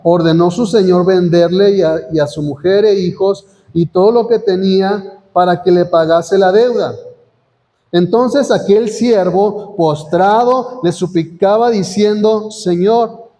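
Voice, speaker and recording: A man's voice: high voice, dark tone. A man preaching a sermon as pastor, reading scripture aloud and asking the congregation questions. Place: church hall. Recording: long church hall reverb.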